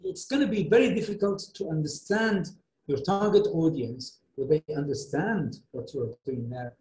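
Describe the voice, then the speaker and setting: A middle-aged man lectures in English, his first language Arabic, with a fairly high but mellow voice. He talks haltingly, stopping on fillers and restarting his sentences. The sound is roomy, with a clear echo around him. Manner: hesitant, many fillers and restarts. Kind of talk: academic lecture answering a question.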